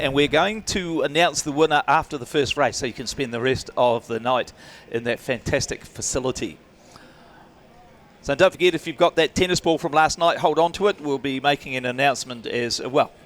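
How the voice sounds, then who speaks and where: A man's voice: mid-range voice, a little fast, a bit bright. A man, giving easygoing, rambling live commentary at a sports event.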